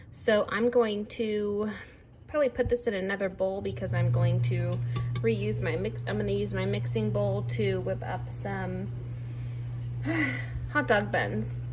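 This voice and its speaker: A woman's voice: mid-range voice, noisy background. A woman in her thirties talks through her baking in a home kitchen, picked up by a phone camera on the counter. She rambles in a chatty way, trails off with fillers and slips in little laughs. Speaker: home cooking vlogger. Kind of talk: casual chatty baking tutorial.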